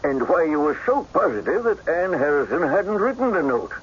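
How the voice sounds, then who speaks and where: An earnest, easily puzzled Victorian gentleman doctor. He stammers and hesitates, his somewhat high voice bouncing around in pitch. The old radio drama sound is dull. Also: sing-song, moderate pace. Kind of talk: old-time radio mystery drama acting. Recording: dull, lightly noisy radio drama recording.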